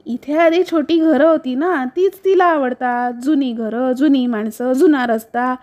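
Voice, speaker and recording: Woman voicing a little girl, curious, chatty, high eager voice, full of questions. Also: measured pace, a little mellow. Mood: wondering.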